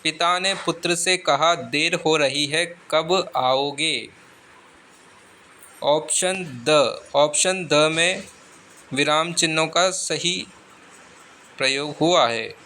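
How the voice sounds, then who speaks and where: A man's voice: fairly high pitch, pushed and bright, a little hiss or hum. A man working as an exam tutor, reading out grammar questions and their answers. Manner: slow, deliberate reading of options.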